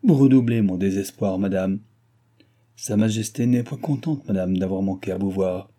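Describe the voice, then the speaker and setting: Prim old noble lady, as a male reader voices her, guarded, complaining, husky tone. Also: low-pitched, normal speed, warm tone. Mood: stiff. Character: old stiff litigious noblewoman.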